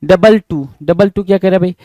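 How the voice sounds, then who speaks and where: A male teacher from India giving a spelling lesson in Hindi, repeating each word and spelling it out slowly letter by letter while talking straight to his students. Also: high-pitched, warm tone, no echo. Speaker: English teacher.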